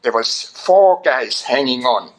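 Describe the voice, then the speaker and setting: A man from Switzerland, telling an animated anecdote at a memorial. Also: medium pitch, slow pace. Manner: animated anecdote with voiced quotes. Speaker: memorial speaker. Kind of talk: storytelling at a memorial.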